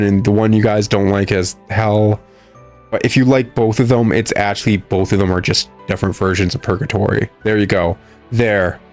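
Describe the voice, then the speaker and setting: A gamer commentating his playthrough speaks in a lowish, darkish voice, sarcastic and exasperated. He mocks the game as he goes and reads its text aloud.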